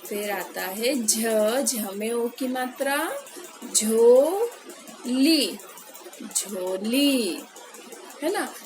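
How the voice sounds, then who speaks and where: A woman's voice: on the high side, noisy background. A woman teacher leading a phonics lesson for young children, patiently repeating each word and checking in with the class. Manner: slow, patient, drawn-out repetition of words for children; frequent "है ना" check-ins with pupils. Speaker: primary school Hindi teacher.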